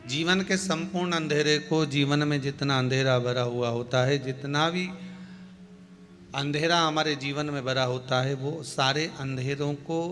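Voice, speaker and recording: A man's voice: medium pitch, fairly even intonation, unhurried, fairly bright tone, faint music behind. A man giving a devotional sermon, repeating phrases for emphasis. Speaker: religious preacher.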